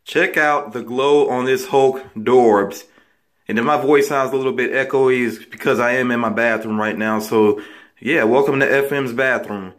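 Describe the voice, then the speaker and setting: A man's voice: medium pitch, fairly even intonation, moderate pace. A man vlogging about collectibles in casual chat, recorded in an echoing bathroom. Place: small tiled bathroom indoors. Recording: echoey bathroom.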